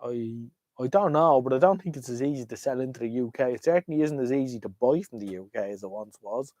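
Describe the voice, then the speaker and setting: A man's voice: mid-range voice, fast talker, a little mellow, dry recording. An Irish man chatting casually as a livestream host, hesitant and opinionated, trailing off and jumping between thoughts. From Ireland. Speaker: livestream host chatting with viewers about vintage radios. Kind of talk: casual, rambling live chat.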